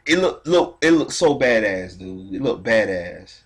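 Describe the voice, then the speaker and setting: Laid-back man hosting a podcast, lively pitch. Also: unhurried, breathy edge. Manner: slangy, laid-back, peppers talk with "man" and "bro". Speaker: podcast host. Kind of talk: casual podcast chat.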